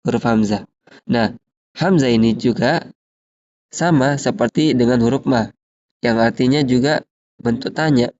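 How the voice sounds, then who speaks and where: Man, Arabic teacher, patient explaining, mid pitch, muffled lo-fi recording. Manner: slow, drawn-out drill reading of example phrases, then steady explaining. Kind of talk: online Arabic lesson.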